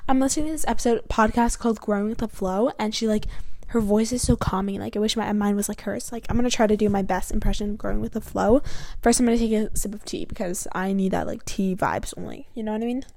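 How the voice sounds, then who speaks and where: A woman's voice: mid-range voice, fast talker, creaky, warm tone. A teenage girl rambling casually on her own podcast, full of fillers, recorded in her bedroom with a mic close to her chin. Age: teens. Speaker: podcast host. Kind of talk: casual solo podcast chat. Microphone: close mic near the chin.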